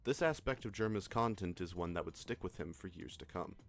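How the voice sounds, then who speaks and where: A man narrating a scripted video essay in a measured storytelling manner. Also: deep voice. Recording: narration over clear background music.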